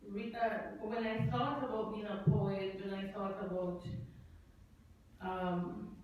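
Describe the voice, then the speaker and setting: A middle-aged woman with a Jamaican accent speaks slowly and reflectively, pausing and restarting her thoughts. She sounds far from the microphone, caught in a very echoey event hall with a faint murmur of room noise behind her. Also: medium pitch, little pitch movement, dull audio. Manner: reflective, halting, with many fillers and restarts. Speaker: poet speaking at a tribute event. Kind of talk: unscripted remarks before a reading.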